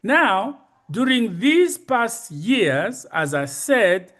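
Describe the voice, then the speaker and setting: This Congolese-accented man, aged sixty or above, delivers a conference slide talk in a high, slightly bright voice that is very animated. He explains deliberately and keeps repeating the key phrases he wants to stress.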